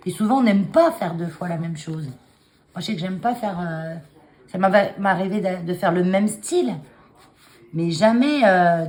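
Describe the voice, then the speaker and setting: A woman's voice: on the low side, a little mellow. A woman chatting to her phone camera at her desk, showing handmade cards, hesitant with many fillers and restarts. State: clearing a frog in her throat. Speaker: craft vlogger showing cards. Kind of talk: casual chat to camera. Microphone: phone camera on a taped stand.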